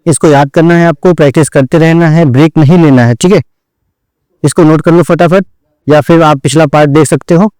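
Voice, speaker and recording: A man's voice: fairly high pitch, steady tone, brisk, darkish tone, dry recording, poor audio. A man teaching an online shorthand lesson, explaining each step and repeating "theek hai" after every point as he addresses his students directly. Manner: drills points over and over.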